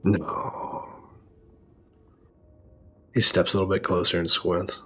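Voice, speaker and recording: A man with a low, husky voice that has a froggy croak to it. He talks casually as a player at a tabletop game, sometimes narrating what his character does. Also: level tone, fast, a bit bright.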